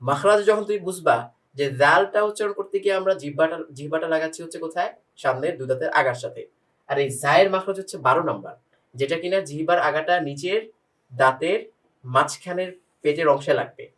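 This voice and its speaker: A man's voice: on the high side, fast talker, fairly bright tone, far from the mic, rough recording. A man teaching Quran pronunciation one-on-one, patiently demonstrating single sounds and quizzing his student.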